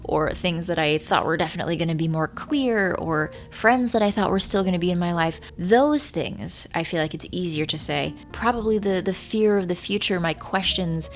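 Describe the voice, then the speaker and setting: A woman's voice: fairly low pitch, normal speed, hardly any pauses. A woman in her thirties talking casually and reflectively to her viewers in an earnest, musing way, with rain around her. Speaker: vlogger. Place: hotel room. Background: rain from a storm, faint music.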